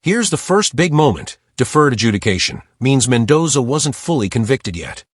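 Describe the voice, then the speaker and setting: Man narrator, scripted commentary, lively pitch, dry close sound, dramatic. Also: normal speed, no echo. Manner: dramatic, emphatic delivery.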